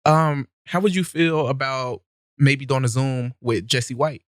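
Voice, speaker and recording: A man's voice: medium pitch, unhurried, a bit bright, no room sound, clean studio sound. A young man, a podcast guest, telling stories in a loose, laid-back way, laughing often. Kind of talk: casual storytelling. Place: podcast studio.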